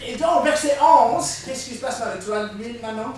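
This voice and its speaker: A man, acting out a Bible story with volunteers and props, lively and lightly humorous. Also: very high-pitched, fairly quick, a little hiss or hum. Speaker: preacher.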